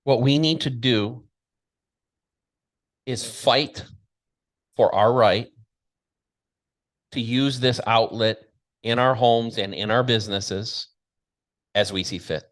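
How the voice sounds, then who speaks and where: A man hosting a talk show, speaking straight to his audience in a blunt, combative, emphatic way. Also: medium pitch. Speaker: show host and commentator. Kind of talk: opinionated monologue to an audience.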